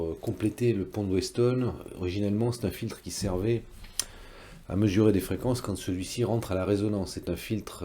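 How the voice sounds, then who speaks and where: This electronics teacher and presenter speaks at a fairly low pitch with a mellow tone, over slight background noise. His tutorial is careful and didactic, walking through the material step by step and restating things along the way.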